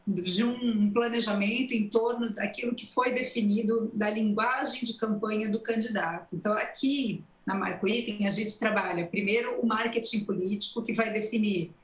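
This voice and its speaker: A journalist and election marketing consultant answering interview questions in an explanatory, steady way, with a Brazilian accent from the São Paulo interior. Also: female voice, fairly high pitch, moderate pace, roomy sound, poor audio. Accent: São Paulo interior Brazilian Portuguese. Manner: explanatory, steady, many "né" tags.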